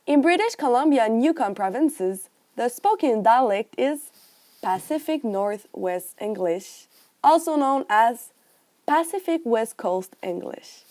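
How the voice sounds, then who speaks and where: A woman reading a prepared class presentation aloud as a student presenter, careful and measured. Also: fairly high pitch, lively intonation, a little mellow.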